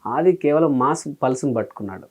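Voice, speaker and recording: A man's voice: mid-range voice, fast. A man, a comedian telling his story in a casual interview and acting out his own past remarks. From Telangana, India. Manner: animated, acts out his own past remarks in quoted asides. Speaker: comedian and mimicry artist, interview guest.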